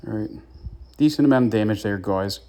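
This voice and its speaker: Here a young man hosting a gaming channel speaks fairly quickly in a lowish, dark-toned voice. He keeps the commentary casual and chatty while offering viewers gameplay tips.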